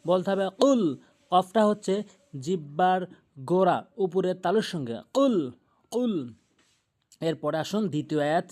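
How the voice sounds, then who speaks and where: A man teaching Quran recitation with tajweed, explaining pronunciation plainly and then reciting verses slowly with long drawn-out vowels. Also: high-pitched, darkish tone. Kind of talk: tajweed lesson, spelling and reciting.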